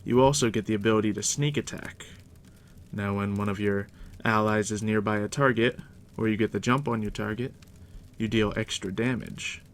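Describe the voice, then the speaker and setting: Over steady background noise and the crackle of a fire, a man whispers through tabletop game rules as a game master. His voice is lowish, hushed, and gravelly, his manner slow and conversational, addressed straight to the listener in this ASMR roleplay.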